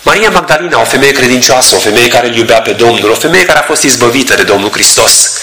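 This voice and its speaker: A man delivers a sermon in a bright, forceful voice at a middle pitch. He reads scripture and then explains it with measured emphasis, drawing out key words. The room around him echoes noticeably. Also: expressive. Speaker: preacher.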